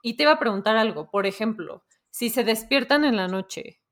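A woman co-hosting a podcast, explaining parenting experiences in relaxed, thoughtful conversation. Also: fairly high pitch, moderate pace. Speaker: podcast co-host. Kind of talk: casual chat.

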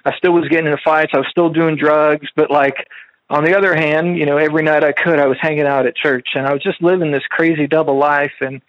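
Man with a fairly high voice sharing his faith story, loose and rambling, heard through a slightly muffled radio recording. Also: flat delivery, quick pace, no echo. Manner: casual, rambling, many fillers and restarts. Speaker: speaker sharing a faith testimony. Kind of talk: personal testimony storytelling.

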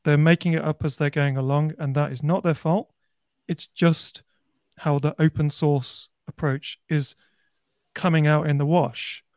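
A man's voice: fairly high pitch, fairly even intonation, measured pace, darkish tone, no room sound, studio quality. A man from Birmingham with a light Birmingham accent, talking casually on a panel discussion and thinking aloud. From Birmingham, England. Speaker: podcast panelist.

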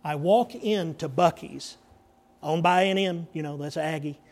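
A man's voice: fairly high pitch, moderate pace. A man, a pastor telling a personal story in a sermon and voicing the people in it. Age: 50s. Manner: animated storyteller, voices the people in his story.

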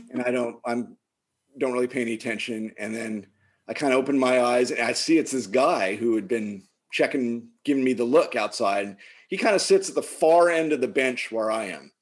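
A man casually telling a funny personal story, animated and laughing often. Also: medium pitch, moderate pace. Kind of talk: casual chat.

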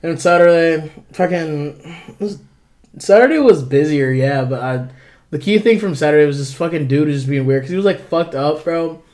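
A man's voice: on the high side, normal speed, a little mellow. A young man in casual chat as a podcast co-host, talking like a frat bro, with lots of slang and swearing.

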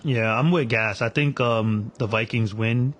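A man's voice: medium pitch, unhurried, a bit bright. A man co-hosting a casual sports podcast, hesitant with frequent ums, mostly agreeing. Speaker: podcast co-host.

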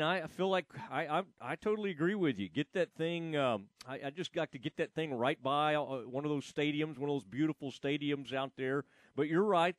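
A man hosting a casual sports radio chat, talking in a rambling, halting way with frequent false starts. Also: fairly high pitch, no echo.

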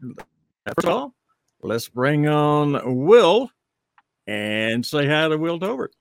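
Halting male host, dry close sound. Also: a little high, sing-song, creaky, dry recording. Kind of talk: unscripted live panel show hosting.

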